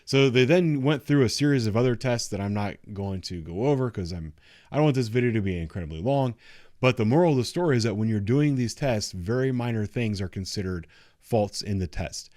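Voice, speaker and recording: A man's voice: medium pitch, expressive, fairly quick, darkish tone, no room sound, studio quality. A man giving unscripted, instructive commentary on video footage in a matter-of-fact way. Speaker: commentator reviewing police footage.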